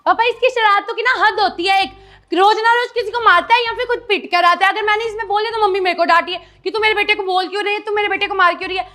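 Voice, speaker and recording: A woman's voice: very high-pitched, fairly even intonation, quick pace, sharp tone. A young woman playing a bossy, exasperated older sister in a comedy sketch. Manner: scolding, exasperated. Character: bossy older sister, bickering with her brother. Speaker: vlogger.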